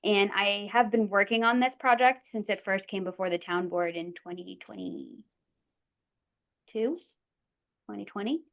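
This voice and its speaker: A woman's voice: mid-range voice, steady tone, unhurried, gravelly, pauses often. Woman on a dull-sounding meeting call. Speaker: senior environmental planner. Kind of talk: informal meeting talk. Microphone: video call.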